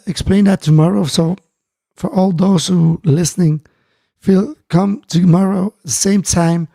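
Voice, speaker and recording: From a home music studio, a live-stream host whose first language is Dutch chats casually with his audience, saying hello to people in the chat. His voice is mellow, gravelly and fairly high, his speech halting and full of fillers and restarts, and the recording is dry.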